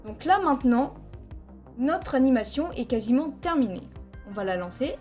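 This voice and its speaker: In a screen-recorded video editing tutorial, a woman speaks through a headset mic, plainly explaining each step and counting frames out loud. Her high voice has big pitch swings, a normal speed, and a slightly mellow quality, with soft music in the background.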